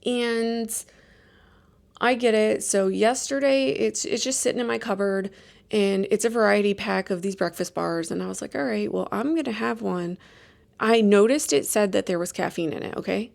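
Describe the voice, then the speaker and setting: A woman's voice: medium pitch, moderate pace, gravelly, a little mellow. A woman hosting a podcast, telling a rambling, self-deprecating story in a casual chatty way with many restarts. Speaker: podcast host.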